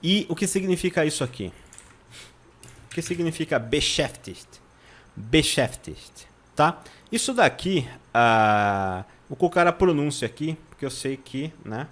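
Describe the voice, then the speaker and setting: Brief: Brazilian male German tutor, slightly high voice, breaks words into syllables, constant check-ins. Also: expressive, moderate pace, fairly bright tone. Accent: Brazilian Portuguese. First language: Portuguese. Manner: drills pronunciation, repeating words syllable by syllable. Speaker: German teacher. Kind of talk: online language lesson.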